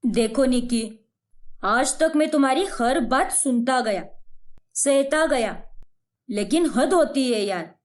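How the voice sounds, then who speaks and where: A woman's voice: high voice, animated, slow. A woman voicing an irritated young husband in a cartoon story, scolding his wife. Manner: scolding, exasperated. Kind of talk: cartoon voice acting.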